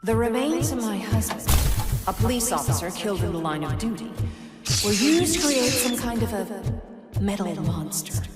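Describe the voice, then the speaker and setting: A woman voices a grieving widow leaving a voicemail, her words coming quick and hushed with a lively, shifting pitch. The voice sounds distant in a reverberant, hall-like space, with music clearly underneath. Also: close to an everyday voice. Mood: tense. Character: widow of a police officer, grieving and resolute. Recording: echoey hall-like game audio with music.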